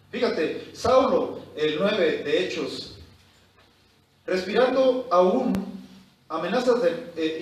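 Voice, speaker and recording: Pastor exhorting in an echoey church hall. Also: male voice, sits high, far from the mic. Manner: exhorting, reads scripture aloud and comments with asides. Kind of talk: Bible study sermon.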